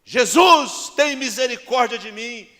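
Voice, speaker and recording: A man with a Brazilian accent voicing a desperate blind male beggar who shouts and pleads at the top of his voice. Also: very high-pitched, lively intonation, takes it slowly, pitched above the performer's own voice, heavily acted. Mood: desperate shouting. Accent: Brazilian Portuguese. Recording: long church hall reverb.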